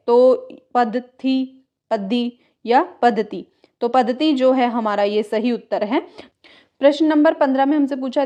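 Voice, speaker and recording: A woman teacher going through exam questions, explaining step by step and slowly repeating key words. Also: a little high, a little mellow. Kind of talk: exam-prep grammar lesson.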